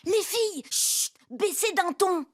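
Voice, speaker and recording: A woman's voice: very high-pitched, lively intonation, slow pace, exaggerated voice. Bossy young boy. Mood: urging. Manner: urgent, bossy. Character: boy, eleven-year-old brother, organizer. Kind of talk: cartoon dub. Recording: music behind.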